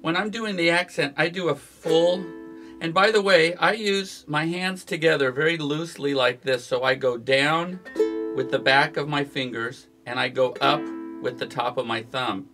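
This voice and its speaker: Guitar teacher, male, slightly high voice, calm how-to delivery, counts beats aloud, guitar strumming under his talk. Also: normal speed. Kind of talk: relaxed instructional talk. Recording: guitar playing behind the voice.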